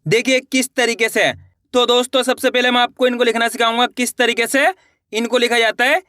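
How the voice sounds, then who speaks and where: A man's voice: extremely high pitch, steady tone, brisk, bright, forceful tone, dry recording, studio quality. A man teaching a lesson step by step, asking questions and answering them himself, with an Indian Hindi accent. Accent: Hindi-speaking India. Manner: repeats words, asks and answers own questions.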